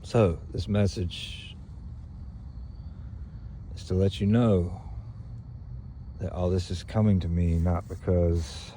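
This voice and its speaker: A man with a very low, mellow voice speaks slowly and earnestly, delivering a spiritual message to followers. He pauses often and keeps clearing his throat. A faint hum sits behind him. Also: steady tone. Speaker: spiritual channeler.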